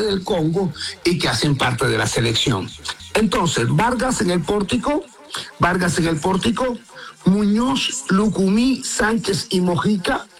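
Gravelly sports radio correspondent. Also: male voice, fairly high pitch. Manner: opinionated, emphatic, addresses listeners directly. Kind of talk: live radio football report.

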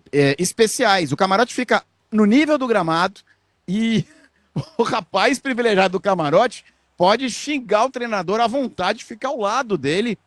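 An animated man reporting live on a stadium tour, his voice a touch high and chatty. The sound is dry and close to the mic. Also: no room sound. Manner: chatty, animated, laughing often. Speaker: field reporter.

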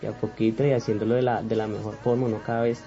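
Earnest young man, low dark voice. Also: little pitch movement, racing, faint music behind. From Colombia. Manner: earnest and reflective. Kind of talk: interview answers. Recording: dull lo-fi recording.

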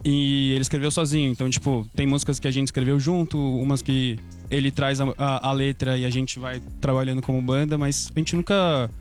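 A man's voice: mid-range voice, little pitch movement, a little fast, darkish tone, soft background music. A man in his twenties, a band's songwriter, explaining how they compose on a radio show. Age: 20s. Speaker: band songwriter, guest. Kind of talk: casual radio interview.

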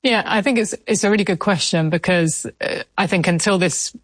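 Woman reporter answering questions, kinda low voice, pauses to think, dry sound. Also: no room sound. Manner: thoughtful, with hesitations and restarts. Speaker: foreign correspondent. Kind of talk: interview answer.

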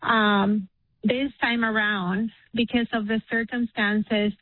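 A woman calling in to a radio show on a phone line that keeps cutting out, talking in a hesitant, halting way with many fillers. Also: mid-range voice, flat delivery, no echo. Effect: phone call that keeps cutting out, asked about Bluetooth or speakerphone. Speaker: radio call-in caller. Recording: tinny, dry phone line.

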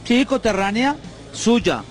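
High-voiced energetic Colombian radio host man. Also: takes it slowly, faint music behind. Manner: energetic, chatty and joking. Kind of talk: morning radio banter.

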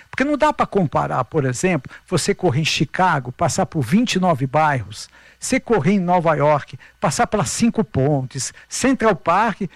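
A Brazilian marathon runner in his fifties tells stories animatedly in a casual interview, acting out quoted voices. His voice is high, with no room sound.

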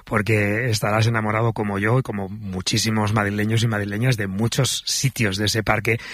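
A male radio host with a slightly husky voice puts curious, friendly questions to his guests and laughs easily between them. The sound is dry and close, like a studio microphone. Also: on the low side, flat delivery, a little fast, fairly bright tone, dry recording. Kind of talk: radio interview and chat.

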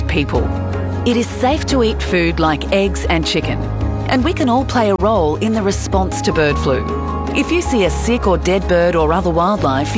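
A woman reading a scripted public information announcement as a radio announcer. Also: mid-range voice.

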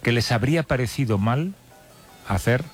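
A man's voice: medium pitch, lively intonation, moderate pace, faint music behind. A man hosting a casual radio chat, bantering and stumbling through restarts. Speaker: radio host.

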